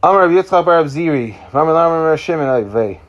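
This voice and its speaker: Higher-voiced man teaching Talmud in Yeshivish style. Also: lively intonation, fast, lo-fi sound. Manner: explanatory, checking in with "right?". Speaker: Torah teacher. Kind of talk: informal Talmud lesson, reading phrases and translating.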